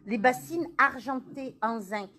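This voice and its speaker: A woman giving a psychic reading in a theatrical, drawn-out way. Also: on the high side, bright, forceful tone, a little hiss or hum. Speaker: medium.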